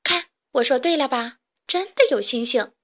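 A wide-eyed little boy chick, brave and full of questions, as a woman reading aloud puts him on. His voice rides a bit high for a storybook hero. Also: expressive, moderate pace, fairly bright tone. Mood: curious. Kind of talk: storybook character voice.

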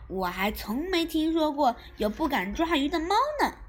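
A woman voicing a boastful, quarrelsome male tabby cat who brags and taunts loudly. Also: a little high, very animated, slow pace, a little hiss or hum. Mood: boastful taunting. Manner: bragging, taunting, shouty.

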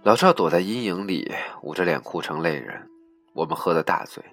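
Deep-voiced man reading a story. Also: animated, brisk, fairly bright tone, faint music behind. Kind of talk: reading a humorous personal story aloud.

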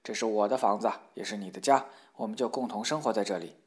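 A man's voice: on the low side, fast, natural voice. A ragged wandering minstrel from a fairy tale, blunt and matter-of-fact with his wife, as a man plays him. He talks close to the narrator's own everyday voice. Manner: plain, blunt.

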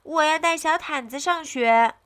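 A woman's voice: sits high, measured pace, fairly bright tone, pitched above the performer's own voice. A woman voicing a little boy who clings to his old blanket, speaking with childlike insistence in a storybook reading. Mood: insistent.

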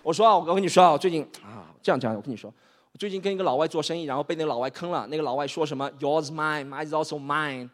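Stand-up, male, 30s, rapid and animated delivery, mixes in English, plays characters, stage in a reverberant hall. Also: on the high side. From Shanghai. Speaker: stand-up comedian. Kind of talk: stand-up comedy set.

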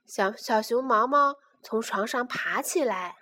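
A woman reading a children's storybook aloud in an expressive, animated way. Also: on the high side, measured pace.

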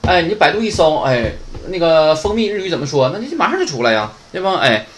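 A man's voice: on the high side, big pitch swings, fast talker, fairly bright tone, a little hiss or hum. A man teaching beginner Japanese in a casual, chatty online lesson, often asking "right?".

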